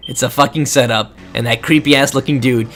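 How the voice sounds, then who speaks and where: A man's voice: mid-range voice, steady tone, brisk, a bit bright, faint music behind. A young man giving a crude, sarcastic comedic recap of a video game with laughing asides.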